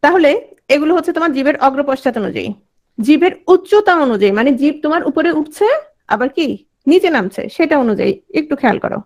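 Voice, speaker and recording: Woman, teacher, high voice, repeats sounds, quizzes students. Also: lively intonation, fast talker, a little mellow. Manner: drills vowel sounds aloud, quizzes students with questions. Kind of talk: online class lecture.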